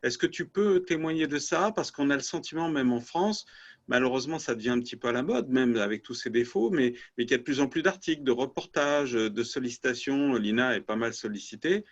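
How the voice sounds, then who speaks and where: A man's voice: medium pitch, a little fast. Wordy male moderator on dull call audio. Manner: wordy, roundabout questions with restarts. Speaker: moderator of an online panel. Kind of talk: unscripted interviewing. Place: web video meeting.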